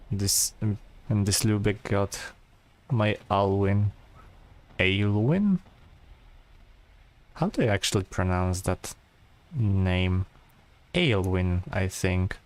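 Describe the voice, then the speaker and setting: A man giving relaxed, rambling gameplay commentary, full of fillers and restarts. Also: low voice. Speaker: gameplay streamer.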